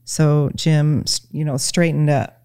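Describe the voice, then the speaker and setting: A woman as a podcast guest, talking in a gentle, reflective way with many "you know"s. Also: low voice, flat delivery, unhurried, clean tone, no echo, studio quality. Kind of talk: casual conversation, retelling a children's story.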